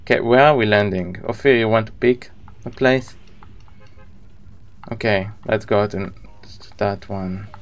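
Faint music plays behind a man with a lowish voice who talks a little slowly. An Israeli in his thirties whose first language is Hebrew, he chats informally with his audience during a video game live stream.

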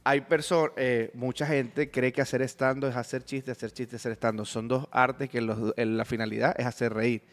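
A man with an average-pitched voice. He co-hosts a casual chat, talking fast and often restarting his sentences. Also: level tone. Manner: quick, restarts and trips over words.

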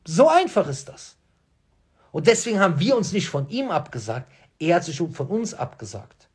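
A man's voice: a little high, big pitch swings, moderate pace, darkish tone, breathy edge. A man hosting his own channel, addressing viewers in an emphatic monologue, repeating key phrases and firing off rhetorical questions. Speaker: host.

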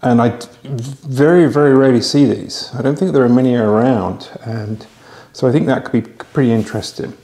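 Recorded on a lapel mic in a home bar room, the middle-aged host of a magic auction promotes it casually to camera. He speaks at medium pitch and moderate pace with a dark tone and roomy acoustics, chatty yet hesitant, often restarting and using fillers.

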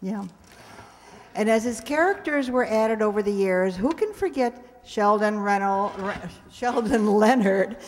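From a community hall stage, an older woman introduces a community radio-play show, chatting with the audience and asking them questions. Her mid-range voice is a little slow, picked up close by a stand microphone. The hall sound echoes.

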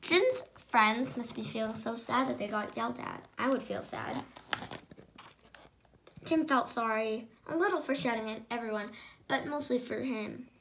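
A woman's voice: on the high side, unhurried, fairly bright tone, slight background noise. A woman hosting a children's storytime, reading a picture book aloud and adding her own asides. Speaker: storytime host.

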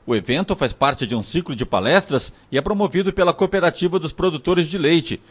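A man's voice: fairly high pitch, expressive, fairly quick, noisy background. A man narrating a local news report in a formal reporting tone.

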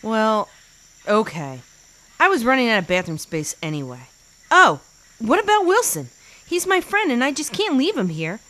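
A woman's voice: a little high, huge pitch swings, moderate pace, a bit bright, rough recording. A woman playing a sarcastic stranded castaway who talks to her volleyball companion. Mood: nervous.

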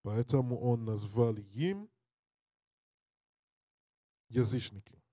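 A man preaching and reading scripture in non-native Russian with a foreign accent, halting and repeating his phrases. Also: mid-range voice, expressive, mellow, no room sound, clean studio sound. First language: not a native Russian speaker. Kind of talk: Bible teaching with scripture reading. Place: indoor studio with draped backdrop. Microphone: handheld mic held close.

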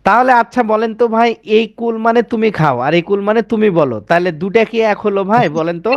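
A man teaching an online class on Arabic pronunciation. He explains slowly, repeats words and keeps checking that his students follow. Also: high-pitched, no echo, muffled recording.

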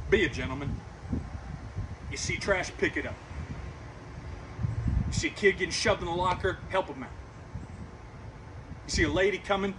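Man acting a high-pitched, commanding football coach's pep speech. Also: distant mic, noisy background. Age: middle-aged. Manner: commanding pep-speech delivery, emphatic, clipped check-ins. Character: stern, blunt male high school football coach lecturing his team. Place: outdoors in a grassy backyard. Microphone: camera a few metres away.

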